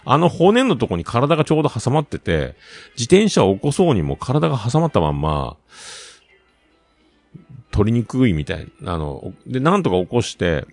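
Gravelly-voiced man. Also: medium pitch, moderate pace, no echo, faint music behind. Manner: chatty, animated, with many fillers. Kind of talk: casual solo talk, rambling storytelling.

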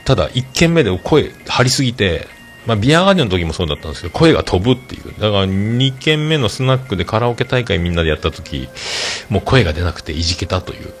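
A podcast host in his 40s reads listener comments in a casual monologue, rambling through stories with plenty of filler sounds. His fairly low voice is sing-song and fast, with soft music playing in the background.

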